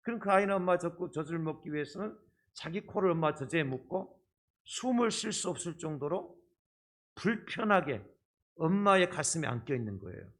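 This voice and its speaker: A male pastor delivers a sermon with his voice coming through a face mask. It sits a little high for a man. He explains patiently to the congregation, checking in with short rhetorical questions. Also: lively intonation, normal speed. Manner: speaking through a face mask, slightly muffled. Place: church service.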